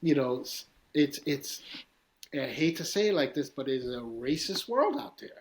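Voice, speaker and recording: In an unhurried, mid-range voice, this Brooklyn man from East New York, with a New York street accent, appears as a guest artist on a casual podcast. His storytelling is animated, rambling, and full of profanity.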